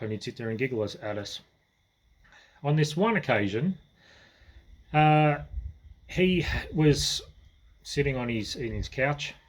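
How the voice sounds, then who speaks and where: An Australian man telling a family story in a casual, rambling way, full of asides and restarts. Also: fairly high pitch.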